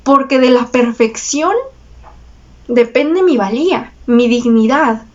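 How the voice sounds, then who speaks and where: Speaking slowly in a somewhat high voice, a woman with a Mexican Spanish accent hosts her astrology channel, and the audio is dull. She tells viewers a personal story casually, chatty and confessional, using slang, laughing often and tossing in tag questions.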